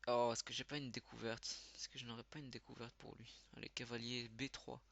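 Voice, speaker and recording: A man giving live commentary as he plays, thinking aloud with quick muttered exclamations. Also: medium pitch, flat delivery, creaky, a bit bright, no room sound. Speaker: channel host. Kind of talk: live commentary while playing.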